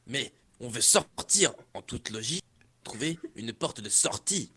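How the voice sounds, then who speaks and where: A man reading a role in a comic fan-fiction reading, deliberate and mock-pedantic. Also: medium pitch, expressive, pushed and bright, breathy edge.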